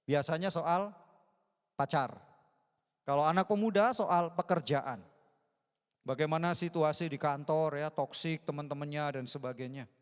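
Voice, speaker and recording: A man's voice: fairly high pitch, unhurried, long pauses, clear, resonant tone. A young man preaching a sermon as a youth mentor, joking and asking the congregation questions. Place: church hall. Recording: echoey church hall.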